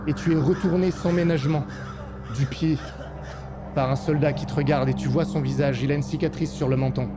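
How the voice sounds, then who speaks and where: A man narrating a tabletop game as game master, deliberate and dramatic, in short suspenseful phrases. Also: a little high, fairly even intonation. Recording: loud music and effects behind.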